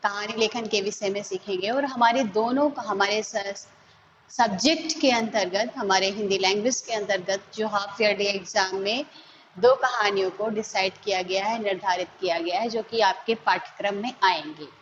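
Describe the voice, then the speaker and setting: A woman's voice: mid-range voice, moderate pace, a little hiss or hum. A woman primary school teacher giving an online lesson to children, patient and coaxing, mixing English words into her talk. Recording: echoey, dull lo-fi room recording.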